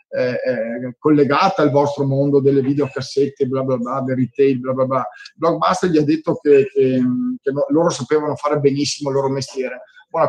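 A middle-aged man with a Venetian Italian accent speaks as an entrepreneur, his voice sitting at an ordinary middle pitch. He talks in a loose, rambling way, stumbling over repeated words before he finds his phrasing. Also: darkish tone, poor audio. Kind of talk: casual spoken commentary.

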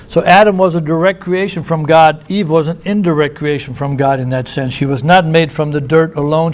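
A male preacher from the United States gives a sermon in a church. His voice sits a bit high, and he talks in a loose, conversational way, restarting phrases and tossing in asides.

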